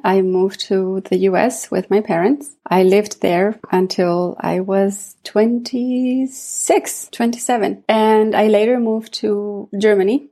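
A woman from Mexico who grew up speaking Spanish, a coach and consultant chatting as a podcast guest, warm and chatty with frequent laughs. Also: mid-range voice. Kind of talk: casual interview chat.

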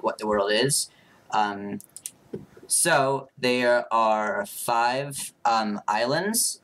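A young man as game master, narrating a tabletop game in a casual, halting way. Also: medium pitch, fairly bright tone.

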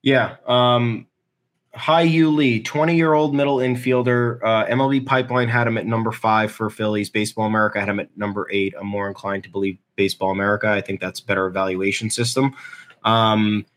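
Lower-voiced man co-hosting sports talk. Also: flat delivery, brisk, fairly bright tone. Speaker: sports podcast co-host.

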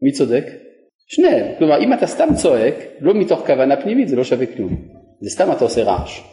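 A man's voice: medium pitch, huge pitch swings, mellow. A man teaching a Torah lesson, putting questions to his students and answering them himself. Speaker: rabbi teaching a class. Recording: echoey room with long reverb.

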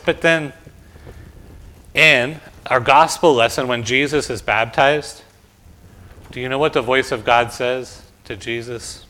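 A man with a bright, clear voice preaches in a church. He speaks gently to the children gathered at the front and asks them questions. He keeps checking in with a soft "right?". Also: medium pitch. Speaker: pastor. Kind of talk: sermon and children's message. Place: church sanctuary.

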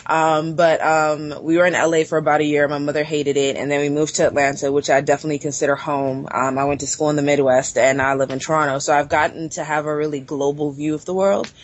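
A woman's voice: low-pitched, flat delivery, quick pace, hardly any pauses. A woman from Southern Africa with a Southern US accent, telling stories as a podcast guest in a sassy, playful smack-talking way. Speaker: podcast guest, lifestyle blogger. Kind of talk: casual chat.

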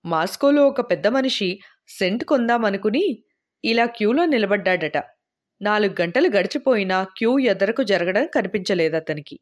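A woman narrates a novel as an audiobook, in an even storytelling manner. Her voice sits at a middle pitch. The read is steady, with no distinct accent noted. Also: normal speed. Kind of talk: scripted narration.

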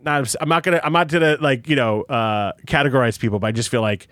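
Young man, casual podcast chat, animated storytelling, acts out quoted voices, middle pitch, dry close sound. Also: fast talker, no room sound.

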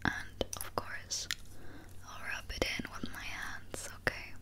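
Soothing whispered role-play, slow-paced woman. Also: pushed and bright. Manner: soothing, attentive spa whisper. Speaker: spa aesthetician in an ASMR role-play.

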